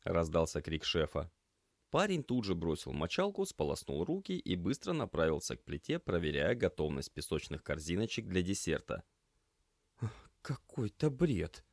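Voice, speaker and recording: Deep-voiced, expressive male audiobook narrator. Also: moderate pace, no room sound, studio quality. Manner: expressive storytelling. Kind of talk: scripted narration.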